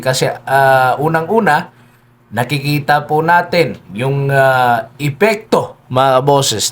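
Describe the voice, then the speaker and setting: A man giving solo political commentary, speaking politely, with frequent hesitations, and often turning to his listeners with tag questions. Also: medium pitch. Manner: keeps addressing listeners, tags lines with "no?" and "di ba?".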